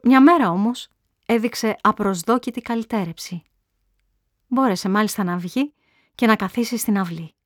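A woman narrates a classic novel in a measured, even storytelling voice. Her tone sits at a mid pitch, recorded on a close mic with a dry sound and no room echo. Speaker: audiobook reader. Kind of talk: literary audiobook narration.

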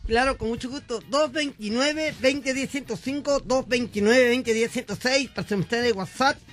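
A man's voice: very high voice, moderate pace, a bit bright, soft background music. A man co-hosting a radio show who reads out the phone lines and throws in short remarks. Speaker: radio co-host. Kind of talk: casual radio banter.

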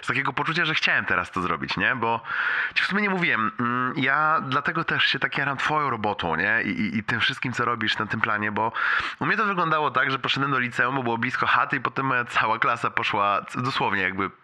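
A man's voice: mid-range voice, animated, fast talker, bright, forceful tone. A man in his late twenties leaving a casual, rambling, chatty voice message for a friend, self-ironic and given to chuckling, with slang and bits of English. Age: late 20s.

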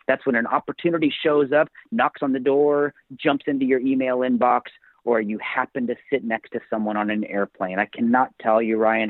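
Author on a tinny phone line. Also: male voice, medium pitch, no echo. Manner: storytelling, emphatic, motivational speaker. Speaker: author and podcast guest. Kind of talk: podcast interview.

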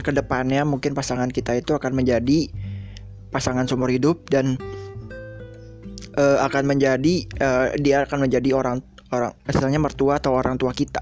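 A man's voice: medium pitch, steady tone, brisk. A young man hosting a podcast, telling his personal struggles in an earnest, emotional way and addressing listeners as friends. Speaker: podcast host. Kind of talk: personal sharing monologue. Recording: soft guitar music behind. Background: soft guitar music.

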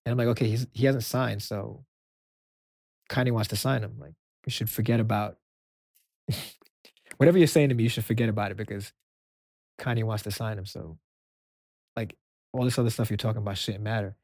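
A soft-spoken man from Brooklyn, a music executive guest, telling stories in an interview and acting out the dialogue. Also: fairly low pitch, brisk, creaky, long pauses, no echo, studio quality. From Brooklyn, New York. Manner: animated storyteller acting out quoted dialogue. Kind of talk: storytelling interview answers.

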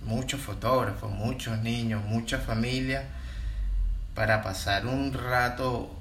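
A man's voice: medium pitch, fairly even intonation, measured pace, a bit bright. A man talking casually as the co-host of a travel podcast. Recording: echoey room, faint background noise.

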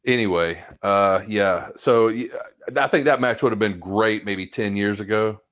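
Laid-back low-voiced man. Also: a little slow, fairly bright tone. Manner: laid-back, rambling, lots of fillers. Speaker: podcast co-host. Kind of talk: casual wrestling chat.

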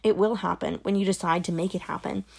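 A cold, controlling middle-aged mother speaks in a sharp, brittle way that sinks toward a hiss, as a woman reader puts her on. Her voice sits low and carries a gravelly fry. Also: fairly even intonation, quick pace. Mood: venomous. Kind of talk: audiobook character voice.

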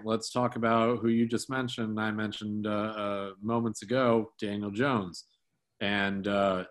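A man's voice: on the low side, a bit bright. A man co-hosting a sports podcast, talking casually about football with many fillers and restarts.

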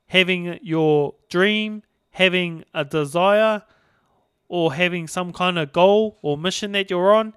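Male podcast host, broad New Zealand accent, smooth voice, colloquial and laid-back, very dry sound. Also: sits high, a bit bright, dry recording. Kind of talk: casual podcast chat.

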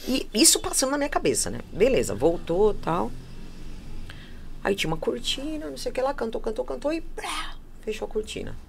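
A woman from São telling a personal story in casual chat, animated and acting out the voices of the people she quotes. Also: on the high side, a little fast, gravelly, slight background noise. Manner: animated, acts out quoted voices, laughs often. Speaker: guest.

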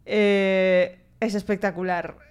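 A woman's voice: mid-range voice, little pitch movement, slow pace, smooth. A young woman with a Spain Spanish accent, hosting a casual podcast monologue in a chatty, slangy, mildly profane way. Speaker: podcast host.

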